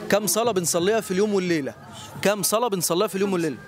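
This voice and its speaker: An Egyptian man hosting a street quiz outdoors, encouraging and quick to praise each answer. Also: high voice. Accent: Egyptian Arabic. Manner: encouraging, repeats praise often.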